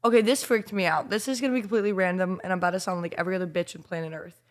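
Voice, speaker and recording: Young woman, rapid casual chat, blunt and cursing, recovering from strep throat. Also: fairly low pitch. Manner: blunt, profane, animated storytelling. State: getting over strep throat. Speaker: podcast co-host.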